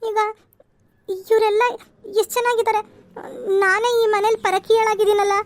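A woman's voice: very high-pitched, level tone, normal speed, dry recording. A woman voicing a young sister in a cartoon serial, fretful and rambling.

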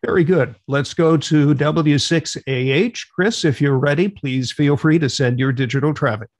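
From a small room at home, a middle-aged man acting as net control operator hosts an instructional radio net over a video call, proceeding in orderly, procedural steps. His voice is a little high at normal speed, with clean studio sound and no echo.

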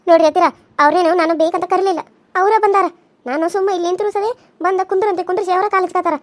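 A woman's voice: very high voice, steady tone, rapid-fire, no room sound. A woman voicing a timid young village wife in a cartoon serial, pleading and whiny, with a North Karnataka accent. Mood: tearful. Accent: North Karnataka Kannada.

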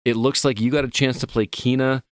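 A man's voice: mid-range voice, level tone, fairly quick, no room sound, clean studio sound. A man hosting a gaming podcast, chatting casually and upbeat, laughing easily. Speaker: podcast host.

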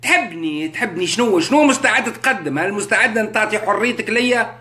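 A man's voice: high voice, lively intonation, fast talker, bright, forceful tone. A man with a Tunisian accent in a casual live-stream monologue. He talks rhetorically, mixes in French, and keeps asking his listeners if they understand. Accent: Tunisian Arabic. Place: indoors, live on social media. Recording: echoey room.

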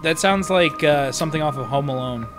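A man's voice: a little high, fairly quick, music in the background. A young man giving teasing, casual banter as co-commentator on a video game.

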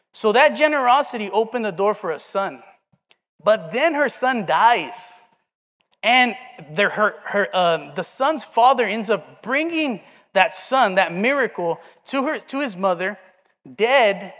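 Man, 40s, preacher, earnest storyteller, high voice, recorded in a big echoing church. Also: a bit bright. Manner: earnest storytelling, acts out quoted dialogue. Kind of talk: sermon with personal story. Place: church sanctuary. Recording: long hall reverb.

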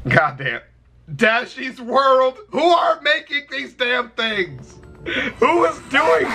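A man's voice: very high voice, sing-song, takes it slowly, creaky, sharp tone. A young man giving casual, amused reaction commentary into a headset, often laughing and swearing. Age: young adult. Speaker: reaction video host. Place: indoor room at home.

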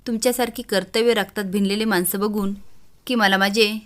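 A woman's voice: medium pitch, steady tone, fairly quick, a bit bright, lightly acted. A woman narrator voicing a dignified, anxious mother of a wealthy household. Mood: pleading.

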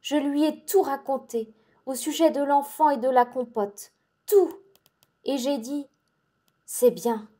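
In a dramatic audiobook, a woman voices a feverish young girl who alternates between rapture and dread. The fairly high, soft, mellow voice goes slowly with long pauses, pleading in a breathless, urgent, excitable and intense manner.

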